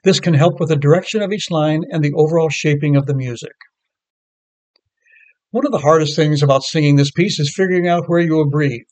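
A man reading a scripted lecture that explains choral music, in a measured, explanatory way. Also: fairly high pitch, darkish tone.

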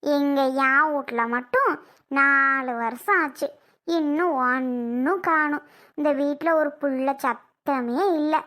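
A woman playing a nagging older mother-in-law who scolds and laments in a drawn-out village way. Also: sits high, sharp tone, heavily acted. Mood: lamenting. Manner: scolding, lamenting drawl with village Tamil speech. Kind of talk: family drama skit.

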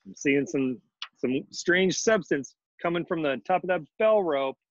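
A man voicing an alarmed bell ringer who speaks in halting bursts. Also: on the high side, animated, no echo, highs cut off.

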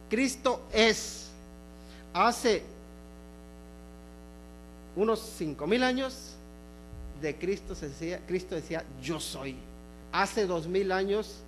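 A man preaching a sermon in a church, emphatic, slowing on key phrases and dropping to soft asides. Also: high voice, slight background noise. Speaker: pastor. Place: church sanctuary.

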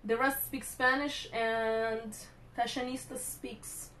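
A woman's voice: fairly high pitch, flat delivery, takes it slowly, fairly bright tone, a little hiss or hum. A young woman hosting a makeup live stream, chatting playfully with viewers as she works. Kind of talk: casual live-stream chat while doing makeup.

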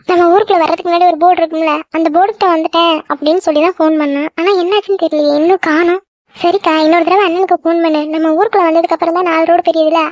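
Very high-pitched quick woman. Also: no room sound. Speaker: cartoon voice artist. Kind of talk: one voice for every cartoon figure. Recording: dull dry sound.

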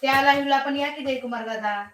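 A woman's voice: sits high, fairly even intonation, quick pace, fairly bright tone, recorded from a distance. A woman hosting a casual live stream from her home kitchen, teasing and calling out to viewers by name. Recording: echoey room, faint background noise.

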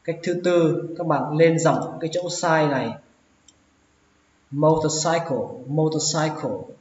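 A man's voice: on the high side, moderate pace, a little mellow, a little hiss or hum. A man with a Hanoi Vietnamese accent teaches English vocabulary, patiently repeating each word several times. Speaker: English teacher, channel host. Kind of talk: vocabulary lesson. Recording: roomy, dull lo-fi sound.

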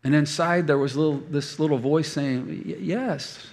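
A man's voice: on the high side, steady tone, moderate pace, a little mellow, big-room sound. A man preaching a sermon as pastor, telling stories and acting out the voices of people he quotes. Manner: storytelling, acts out quoted voices. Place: church hall.

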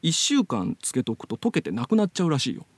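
A man hosting a casual web radio chat, explaining things in an animated, storytelling way into a studio mic. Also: on the high side, fast, no echo. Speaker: radio show host.

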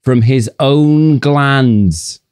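A man co-hosting a podcast, laying out movie trivia with deadpan teasing. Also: medium pitch, extremely slow, smooth, no room sound, clean studio sound. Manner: explains with deadpan teasing, laughs often. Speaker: podcast co-host. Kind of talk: casual chat.

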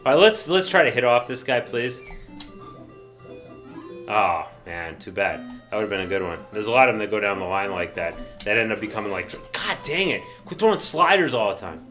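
A man giving loose, tipsy commentary on a baseball video game, his voice bright and forceful with a very lively, jumpy pitch. He cheers, groans and mutters mild curses at the players. Faint guitar music plays softly behind him. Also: normal speed. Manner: excitable, swears mildly, yells at the game. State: says he is drunk. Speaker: let's play gamer.

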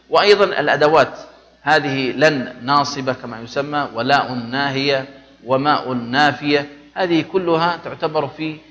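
A male teacher leads a patient classroom lesson with a clear, bright tone. He walks through each rule methodically, pausing to ask questions. The recording carries a lingering reverb. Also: a little high. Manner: explains step by step, asks the class questions and answers them. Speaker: Arabic teacher.

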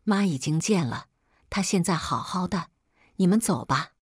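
A woman reading a story, voicing a calm, composed husband. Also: lowish voice, moderate pace, breathy edge, no room sound, clean studio sound. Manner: calm, steady.

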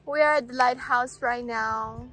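A woman's voice: on the high side, fairly even intonation. A young woman narrating a casual travel vlog into a phone held at arm's length, cheerfully describing the places she visits. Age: young adult. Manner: slow, cheerful commentary to the camera. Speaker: vlogger. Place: in a car and outdoors on a trip. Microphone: phone camera at arm's length. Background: background music.

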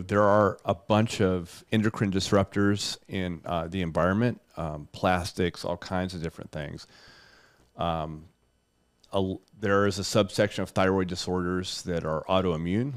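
A man's voice: low-pitched, clean tone, dry recording. A middle-aged man, a doctor and co-host, explaining health topics casually in a podcast chat, thinking aloud with fillers.

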